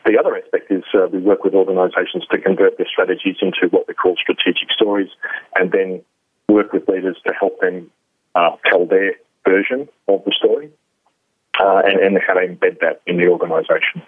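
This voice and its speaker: A man's voice: low-pitched, steady tone, a little fast, breathy edge, dry recording. A man with an Australian accent, a radio show guest talking casually and hesitantly, with many fillers and restarts. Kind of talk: casual interview talk. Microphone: phone. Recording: tinny phone line.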